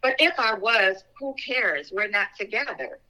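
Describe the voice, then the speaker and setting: A woman guest in an interview telling a personal story in an earnest, fast way, full of "like" and "so". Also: medium pitch, animated, pushed and bright, rough recording. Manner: earnest, talks fast with frequent "like" and "so".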